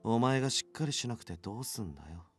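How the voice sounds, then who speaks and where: A man voicing a gruff, curt young male detective in a story game. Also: mid-range voice, lively intonation, very fast, soft background music, lightly acted. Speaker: game character. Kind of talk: anime-style game voice acting.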